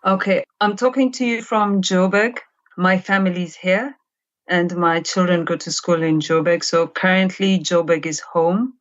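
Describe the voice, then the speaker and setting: A woman's voice: fairly low pitch, steady tone, unhurried. Kenyan woman on a dull remote line. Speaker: guest, children's author. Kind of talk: conversational interview.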